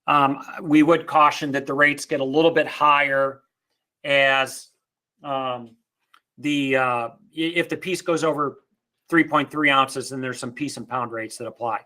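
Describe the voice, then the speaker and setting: A man's voice: medium pitch, fairly even intonation, measured pace, bright, forceful tone. A middle-aged man presenting a webinar, explaining figures conversationally with many ums and restarts.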